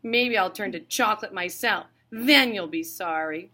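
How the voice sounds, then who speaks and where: A woman's voice: mid-range voice, moderate pace, bright, forceful tone, voice pushed down. A woman voicing a sulky, self-pitying young schoolboy who protests reproachfully in a storybook.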